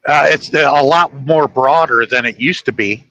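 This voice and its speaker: Bright-voiced man in casual chat. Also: mid-range voice, normal speed, no room sound, lo-fi sound. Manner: rambling, insistent storytelling. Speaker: podcast host.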